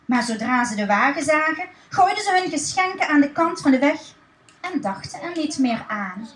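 Woman storyteller, high voice, very expressive, children's book reading. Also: moderate pace, echoey room, a little hiss or hum, rough recording.

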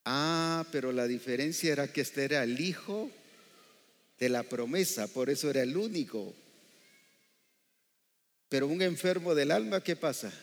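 A man's voice: a little high, expressive, normal speed, pauses often. A male preacher delivering a sermon in a church, often quizzing the congregation with rhetorical questions. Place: church hall. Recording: echoey hall reverb.

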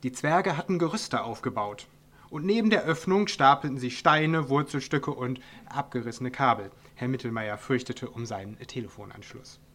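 A man's voice: mid-range voice, animated, moderate pace, fairly bright tone. A man reading his own comic story aloud in a dry, wry storytelling manner. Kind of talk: audiobook narration.

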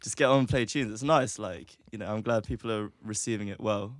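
A man's voice: fairly low pitch, a little fast, no echo. A young man, chatting casually as a guest in laid-back roadman slang. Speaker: podcast guest.

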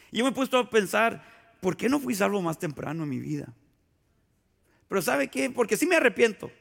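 A pastor preaching a sermon in a conversational, storytelling way, full of rhetorical questions and acted-out anecdotes. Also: male voice, very high-pitched, gravelly, fairly bright tone. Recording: long hall reverb.

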